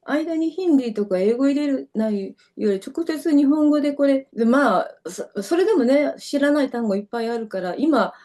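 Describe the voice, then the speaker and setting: She speaks at a normal speed with few pauses, in a mellow, animated voice that sits high. A middle-aged woman from Kyoto, Japan with a Kansai accent, she's a dancer who, as a casual interview guest, tells long, rambling stories crammed with fillers.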